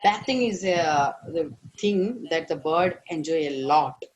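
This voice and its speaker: A man's voice: a little high, expressive, slow, muffled recording, slight background noise. A man giving an online veterinary lecture, hesitant with many fillers and stressing key words.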